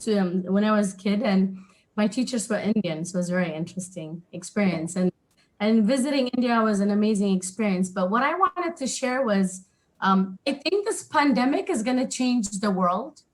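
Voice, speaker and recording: A woman's voice: medium pitch, lively intonation, rough recording. Earnest woman panelist from Ethiopia. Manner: earnest, reflective, slightly halting. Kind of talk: spoken remarks on a webinar. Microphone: video call.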